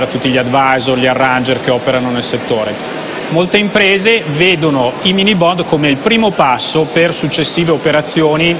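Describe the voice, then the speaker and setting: A man in his thirties, a professor, giving measured expert answers. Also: mid-range voice. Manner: measured, explanatory. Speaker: professor, interview guest. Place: convention hall TV set, indoors. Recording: muffled broadcast audio with background noise.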